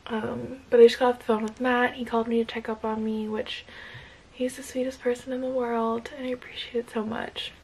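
A woman in her twenties talking to camera in a casual vlog, soft and low-key, often close to a whisper, stressed and anxious. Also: little pitch movement, fairly quick, poor audio. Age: 20s. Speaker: vlogger.

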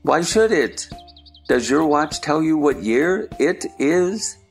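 A man playing an eccentric, argumentative Hatter in a stage play dramatization, with a slow theatrical drawl. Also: fairly high pitch, very animated, faint music behind, heavily acted. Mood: knowing, argumentative. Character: eccentric, gloomy, argumentative Mad Hatter at tea.

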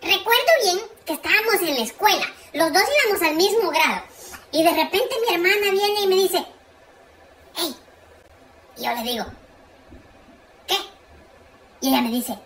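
A squeaky, shrieking little boy. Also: a little hiss or hum, full character voice. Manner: storytelling comically, bursting into frantic yells. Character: excitable silly little boy, loud and dramatic.

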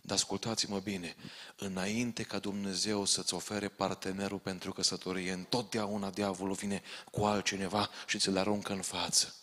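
Male preacher with a low, deep voice, urgent and warning, recorded in a reverberant church hall. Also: level tone, fairly bright tone. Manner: urgent, direct warnings to the congregation. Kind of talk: sermon.

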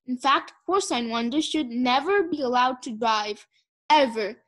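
A woman reading as a gushing, doting gentleman. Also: high voice, measured pace. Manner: effusive, gushing. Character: fussy doting elderly gentleman, pig owner.

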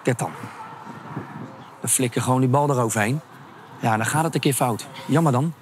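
Hesitant football coach. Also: male voice, medium pitch, moderate pace, slight background noise. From The Hague, Netherlands. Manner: hesitant with many fillers when talking, shouting loudly on the sideline. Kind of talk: documentary interview and sideline coaching.

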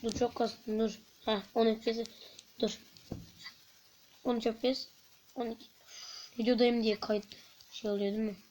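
Woman, high voice, let's-play commentary, excitable, yells when frustrated. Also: moderate pace, pauses often, slight background noise. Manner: excitable, bursts into frustrated shouts; chatty, talks to viewers while playing. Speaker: gaming YouTuber.

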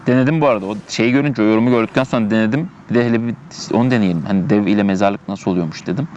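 A man's voice: lowish voice, racing, darkish tone, lo-fi sound, slight background noise. A man giving casual gameplay commentary, chatting and thinking aloud as he plays, often repeating himself, recorded outdoors in a park.

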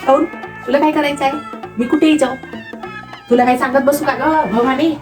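A woman doing a sharp-tongued mother-in-law, bossy retorts, highish voice, music underneath. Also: fairly even intonation, normal speed, close to an everyday voice. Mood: scolding. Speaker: mother-in-law in a family comedy skit.

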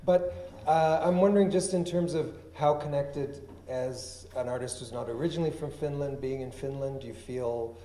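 A man's voice: mid-range voice, normal speed, hardly any pauses, dark tone. Easygoing male moderator in an echoey hall. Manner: easygoing, asks open questions. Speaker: panel moderator. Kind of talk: casual panel talk. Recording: roomy hall with faint noise.

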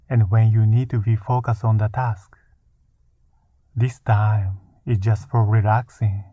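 Soft soothing guy doing guided meditation, real slow, lowish hushed voice, kinda phone-like muffled audio. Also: no room sound. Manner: soft, soothing, hushed delivery with long pauses. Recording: muffled, narrow-band phone-like sound. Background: music.

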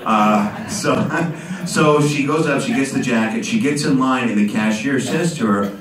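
A man's voice: mid-range voice, unhurried, a crowd in the background. Rambling self-mocking man in his fifties. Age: 50s. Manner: rambling, self-deprecating, acts out quoted people. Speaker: artist hosting an art auction talk. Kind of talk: comic storytelling to a live audience. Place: ship's hall with audience. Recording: echoey room, voice from a distant mic.

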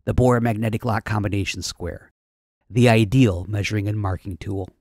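A man reading a scripted tool advertisement in a measured, steady way. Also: on the low side, no echo, studio quality. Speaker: product ad voice-over. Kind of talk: scripted ad narration.

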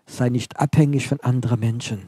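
Husky, warm-voiced male preacher. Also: mid-range voice, steady tone, brisk, dry recording. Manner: emphatic, repeating short phrases, often dropping to quiet intensity. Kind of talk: sermon.

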